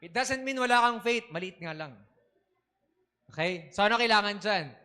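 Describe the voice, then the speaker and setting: A man preaching a sermon as a bishop, lively and quick to ask the congregation questions, slipping English phrases into his talk. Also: high voice, smooth.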